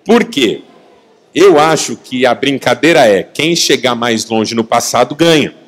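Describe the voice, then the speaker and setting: A man preaching a sermon as pastor. He tells stories and acts out both sides of arguments, then rises to emphatic preaching and drops soft and slow. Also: medium pitch, animated. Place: church.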